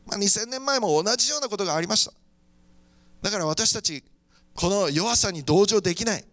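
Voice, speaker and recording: A male pastor delivers a sermon with high, ringing brightness. His voice is fervent, and he moves between teaching and prayer. The sound is close and dry, with no room around it. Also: expressive, fairly quick, dry recording. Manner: fervent, moves between preaching and praying aloud.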